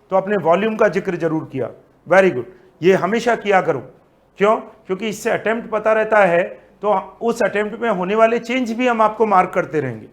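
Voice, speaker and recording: A male statistics teacher, lecturing an online class, lively and asking then answering his own questions. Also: high voice. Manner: mixes Hindi with English terms.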